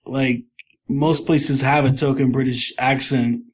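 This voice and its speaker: A man's voice: medium pitch, level tone, a little slow. A man on a podcast panel, chatting casually with dry, teasing humor.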